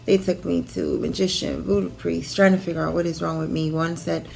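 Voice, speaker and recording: A middle-aged woman from Haiti tells her life story, relaxed and loose, with fillers and restarts. Her voice sits low and warm, with a gravelly edge. A faint hiss of noise runs under the recording. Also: brisk. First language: Haitian Creole or French. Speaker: producer and actress telling her life story. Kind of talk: personal bio monologue.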